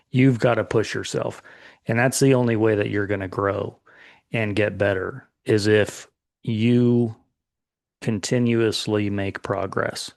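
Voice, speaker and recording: A middle-aged man co-hosting a casual chat, talking slowly and thoughtfully with many restarts. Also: fairly low pitch, no echo, studio quality. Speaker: podcast co-host.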